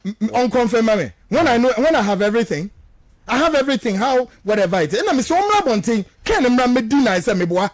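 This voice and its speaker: Very high-pitched, very animated, and quick, a Ghanaian-accented man hosts a radio talk show. His political commentary is passionate, forceful, and repetitive, built on a rapid stream of rhetorical questions.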